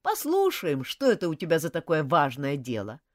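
A woman's voice: low-pitched, huge pitch swings, normal speed, no echo, clean studio sound. Woman playing a hot-tempered scornful schoolboy. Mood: grudging. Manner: indignant, clipped, scornful. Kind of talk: audiobook reading.

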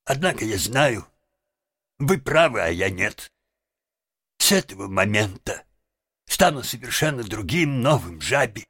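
A man's voice: on the low side, very animated, unhurried, pauses often, a bit bright, breathy edge, no echo, studio quality, pitched above the performer's own voice, heavily acted. A man voicing a boastful, vain male toad who pleads and laments melodramatically in an audiobook. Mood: melodramatic. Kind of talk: audiobook character voice.

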